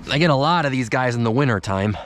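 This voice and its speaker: A young fishing vlogger talks casually to a close-range camera, worn on his body or held in hand, while fishing from a snowy riverbank in winter, musing aloud about each catch. His mid-range voice is expressive, quick, and fairly bright, with slight background noise.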